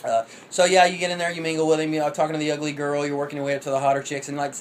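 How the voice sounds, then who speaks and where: A man's voice: on the high side, level tone, rapid-fire, slight background noise, poor audio. A man in his thirties giving rambling, profane dating advice in a cocky, offhand way. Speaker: vlogger.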